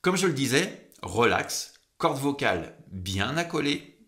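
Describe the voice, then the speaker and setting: A male singing coach with a mid-pitched voice leads an informal technique tutorial. He takes his time, speaking slowly and conversationally, and stretches key words to make each instruction land. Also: big pitch swings, fairly bright tone.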